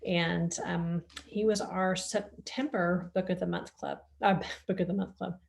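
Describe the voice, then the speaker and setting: A woman's voice: fairly low pitch, fairly even intonation, unhurried, vocal fry. A woman co-owner of a bookshop chatting enthusiastically about favorite books over a video call, with frequent ums. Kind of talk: casual book chat over video call.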